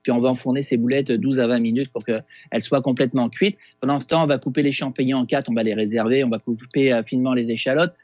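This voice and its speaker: A man with a Québécois accent, a chef, talks through a recipe on a casual radio segment over a phone line, halting with many fillers and restarts. His voice is medium-pitched, steady and darkish in tone, with no echo. The phone sound is dull and lo-fi.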